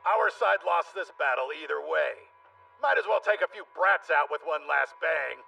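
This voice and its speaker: A battle-hardened cartoon soldier who mocks his young foes, his gravelly, bright voice swinging wide in pitch. He sounds distant in the mix, with music underneath. His manner is menacing and scornful. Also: animated, normal speed, full character voice. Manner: sneering, menacing taunts. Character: ruthless battle-hardened male veteran soldier, sneering. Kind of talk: anime English dub acting.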